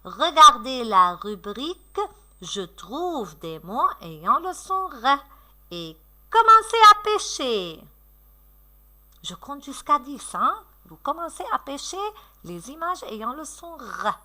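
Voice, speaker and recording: A woman teacher recording a lesson for young children, slow, sing-song and encouraging, stretching out her words. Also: high voice, very animated, sharp tone.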